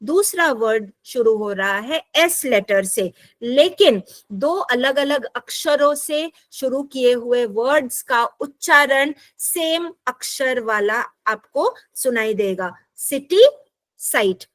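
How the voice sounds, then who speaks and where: A woman's voice: fairly high pitch, lively intonation, slow pace, fairly bright tone, dry recording. A woman teaching an online English class, patiently explaining step by step and checking in with her students. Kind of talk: explaining a lesson, mixing Hindi and English. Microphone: computer mic in an online class.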